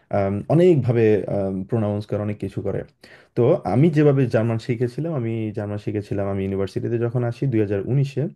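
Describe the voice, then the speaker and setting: A young man whose first language is Bengali, teaching German on a video call. He talks hesitantly with many fillers and restarts, and spells out letters slowly. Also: fairly low pitch, dark tone. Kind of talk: online class lecture. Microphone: computer mic on a video call.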